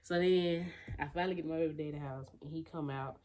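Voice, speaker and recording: Low-voiced young woman telling a story. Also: fast talker. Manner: animated retelling, acting out other people's lines; loose, conversational, with fillers and restarts. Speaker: vlogger. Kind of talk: casual storytime monologue.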